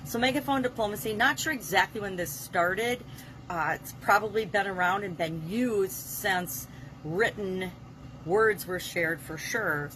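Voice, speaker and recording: A woman hosts a daily business advice series, delivering an informal monologue and stressing key words emphatically. Her mid-range voice is a bit bright and moves at a measured pace. The recording is low quality with slight background noise.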